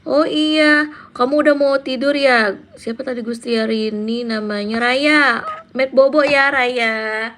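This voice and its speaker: A woman in her thirties talks casually on a live stream in a high voice, greeting viewers by name and answering their comments. She speaks at an unhurried pace, at home and chatty. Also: a bit bright, a little hiss or hum. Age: 30s. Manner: chatty, reads out viewer names and answers them.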